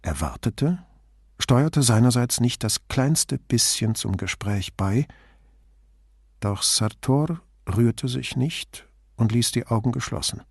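Male audiobook reader, measured and even; husky tone, dry close sound. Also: medium pitch, no echo. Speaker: audiobook narrator. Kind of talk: scripted narration.

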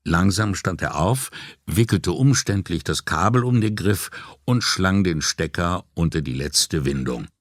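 Deep-voiced man reading an audiobook. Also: lively intonation, measured pace, no echo, clean studio sound. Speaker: audiobook narrator. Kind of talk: scripted narration.

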